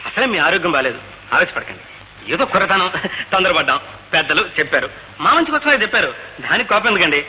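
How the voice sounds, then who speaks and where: An actor playing a poor young man hooked on horse racing, pleading and excitable, in an old film soundtrack. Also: high-pitched, fast, long pauses, phone-quality sound.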